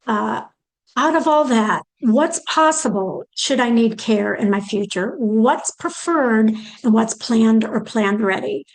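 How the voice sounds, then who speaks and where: Older woman presenter, a touch high-pitched, methodical, thinks out loud in questions. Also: low-quality recording. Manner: poses questions aloud, walking through each step. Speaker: presenter on aging and care planning. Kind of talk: explanatory talk.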